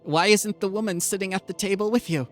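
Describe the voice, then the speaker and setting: A man narrating as game master in a tabletop game, animated and full of hesitant fillers. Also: sits high, fast talker, soft background music.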